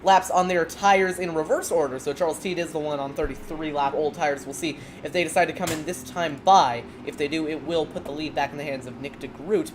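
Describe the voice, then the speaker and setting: A man's voice: a little high, background noise. A man commentating a sim race, rambling into jokes between race updates.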